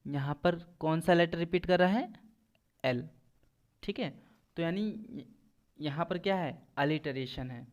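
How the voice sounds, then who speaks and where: A man gives a classroom lesson, speaking slowly and with care, and spells out each English example as if for dictation. His voice sits a little high for a man. He poses questions to the class and answers them himself. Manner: slow, deliberate dictation of English examples, explaining in Hindi; asks and answers his own quiz questions. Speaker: English teacher. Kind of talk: classroom lesson explaining poetic devices.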